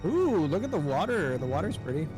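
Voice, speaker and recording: A young man with a slightly high voice streams a game. He chats casually and slangily with friends and viewers over light background music. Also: sing-song, fairly quick, poor audio. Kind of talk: casual gaming commentary and chat.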